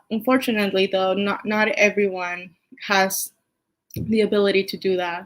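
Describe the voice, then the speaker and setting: A woman working as a caseworker introduces the next speakers. Her voice sits at a typical pitch, and she talks hesitantly with plenty of filler words. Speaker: immigration caseworker. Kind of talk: introductory speech.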